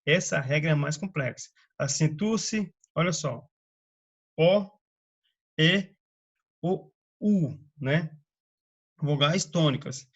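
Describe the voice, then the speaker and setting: Slow, deliberate man teaching word lists. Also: a little high, breathy edge, highs cut off. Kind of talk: slow spoken grammar lesson.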